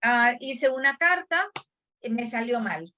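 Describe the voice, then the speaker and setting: A woman hosting a conversation on mental health, explaining ideas and acting out a harsh inner critic in quick asides. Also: a little high, lively intonation, pushed and bright, slight background noise.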